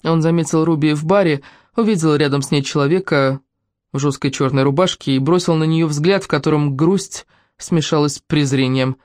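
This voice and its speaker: A woman narrating an audiobook in an even, measured storytelling manner. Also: deep voice, no room sound, clean studio sound.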